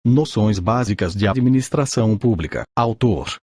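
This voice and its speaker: A man's voice: fairly low pitch, moderate pace, darkish tone, dry recording, studio quality. A synthesized male voice, like an old speech synthesizer, reading an audiobook in a mechanical, impersonal way. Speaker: audiobook narrator. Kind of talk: scripted audiobook narration, read aloud.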